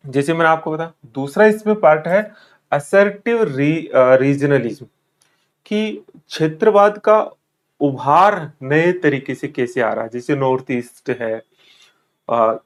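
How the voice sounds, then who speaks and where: A male teacher from India, giving an exam-preparation lecture in a thoughtful, explanatory way with frequent pauses. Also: medium pitch.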